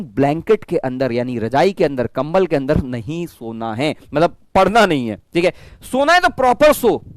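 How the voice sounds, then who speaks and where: High-voiced man teaching online. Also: no echo. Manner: chatty, mimics students in quick asides. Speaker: physics teacher. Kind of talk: online class pep talk.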